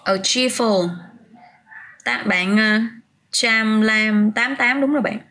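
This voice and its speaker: A woman's voice: a little high, steady tone, takes it slowly, pushed and bright. Chatty woman teaching English on a livestream. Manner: chatty, answers viewers' comments by name, many fillers and restarts. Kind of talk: casual livestream lesson.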